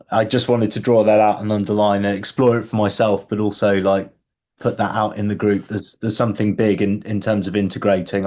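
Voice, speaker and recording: A man with a somewhat low voice hosts a casual group call. He thinks out loud, restarting and repeating words as he works his way to the point. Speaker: book club host.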